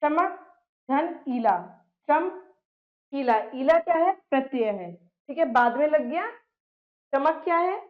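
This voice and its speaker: A woman teacher giving a grammar lesson, asking the class questions and answering them herself, and calling out word examples loudly one by one. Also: high voice, lively intonation, takes it slowly, pauses often. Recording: slightly dull lo-fi sound.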